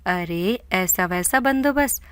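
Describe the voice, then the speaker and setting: A woman's voice: fairly low pitch, expressive, a bit bright, clear, resonant tone, no echo. A woman playing a cunning greedy sister. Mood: confident. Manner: scheming, self-assured. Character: cunning greedy woman plotting against a witch.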